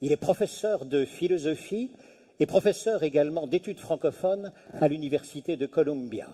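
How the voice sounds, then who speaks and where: A man's voice: on the high side, expressive, normal speed, mellow, slightly rough. Man formally introducing a speaker. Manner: formal and announcing. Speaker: event presenter.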